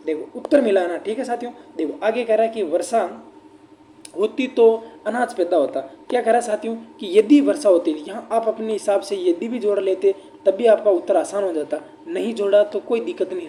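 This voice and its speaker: A male teacher, talking students through an exam paper, asking rhetorical questions and slowing down to dictate examples. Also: high voice, warm tone, a little hiss or hum. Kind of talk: exam paper answer walkthrough.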